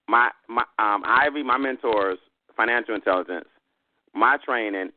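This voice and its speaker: A man from the American South pitching a business opportunity with sales-style enthusiasm over a call. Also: dry recording. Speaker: guest trainer. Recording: tinny phone line.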